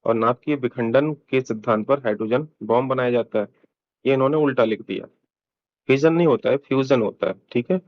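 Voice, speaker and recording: A man's voice: mid-range voice, muffled recording. A man teaching an exam-prep lesson in a casual, chatty way, explaining each answer step by step and mixing in English terms.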